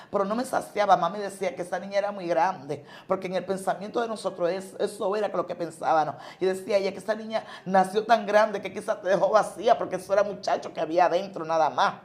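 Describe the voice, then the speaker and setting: A woman pastor recounts a personal religious testimony in an emotional storytelling way. She repeats and restarts words as she goes. Her voice sits at an ordinary middle pitch. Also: fairly even intonation, fast talker, hardly any pauses.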